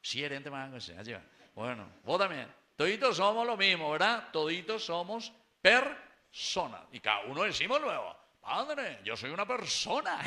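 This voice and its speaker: A man with a Paraguayan Spanish accent preaches a homily, his voice bright and fairly high, swinging widely in pitch. He keeps turning to the congregation with questions and mixes Guaraní words into his Spanish. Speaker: priest. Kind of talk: sermon at a live-streamed Mass. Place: small chapel.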